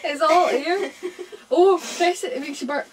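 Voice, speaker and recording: A woman with a high voice chats casually in a teasing, giggly way. The amateur home video carries faint noise behind her. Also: unhurried. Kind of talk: casual chat during a burping contest.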